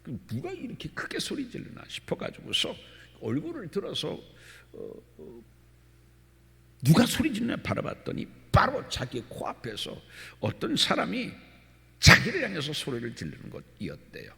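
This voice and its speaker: Gravelly high-pitched preacher in a reverberant church. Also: male voice, huge pitch swings, normal speed. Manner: dramatic storytelling, sudden swings between quiet asides and loud exhortation. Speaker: pastor. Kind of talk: Sunday sermon with a told story. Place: church sanctuary.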